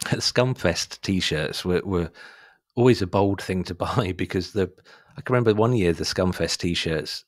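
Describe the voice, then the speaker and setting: In a comic podcast chat, a host with a deep voice and a South Suffolk English accent tells rambling anecdotes, jokey and quick to amuse himself, at a slightly slow pace. The sound is studio quality with no echo.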